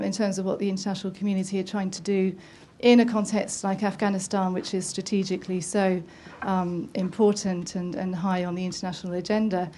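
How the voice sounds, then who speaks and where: A woman's voice: mid-range voice, dark tone. A woman from the audience putting a long, hesitant question to a panel, with many ums and restarts. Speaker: audience member asking a question. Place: conference room.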